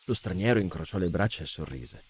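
A man narrating a fantasy novel as an audiobook, reading in an expressive, dramatic way. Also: deep voice, a little fast, noisy background. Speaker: audiobook reader.

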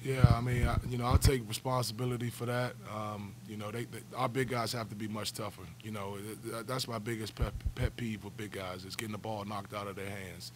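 This is a fortysomething basketball coach giving postgame press conference answers at a table mic, seated before a backdrop in a press room. He talks a little fast with few pauses, in a lowish voice with fairly even intonation, earnestly restarting and repeating words often. A slight hiss or hum runs underneath.

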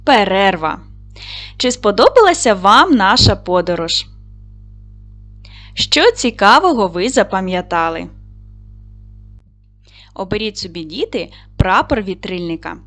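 A woman's voice: medium pitch, very animated, unhurried, long pauses, fairly bright tone, soft background music. A woman teaching a recorded lesson to young schoolchildren, asking them questions, answering them herself and praising them often.

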